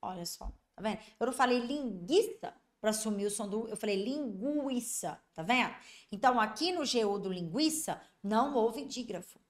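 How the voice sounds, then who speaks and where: A Brazilian woman teaching a Portuguese grammar lesson for exam candidates. She keeps checking that students follow and draws out example words slowly. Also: mid-range voice, animated. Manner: repetitive, constantly checking understanding.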